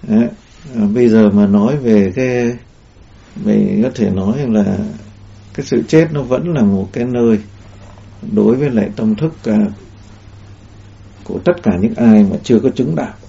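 A man's voice: lowish voice, moderate pace, gravelly, pauses often, mellow. A man giving a Buddhist dharma talk in a rambling way, with many fillers and restarts. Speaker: Buddhist teacher. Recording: dull lo-fi recording.

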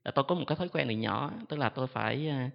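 A male Buddhist monk gives a relaxed, self-mocking talk, pausing often on a drawn-out "à". His voice has a gravelly edge. The sound is dull and lo-fi, with a long echo from a large hall. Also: mid-range voice. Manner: chatty, self-mocking, fills pauses with drawn-out "à". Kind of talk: storytelling dharma talk to an audience.

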